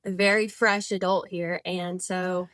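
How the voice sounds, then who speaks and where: This woman in her twenties is an author appearing as a podcast guest in a casual conversational interview. She chats in a rambling way, full of "like" fillers and self-corrections. Her lowish voice is level, unhurried and a bit bright, with no echo.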